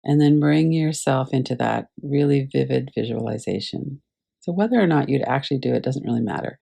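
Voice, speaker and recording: A woman teaching a class over a video call, gently guiding listeners through a visualization with unhurried pauses. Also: very deep voice, gravelly. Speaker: meditation teacher.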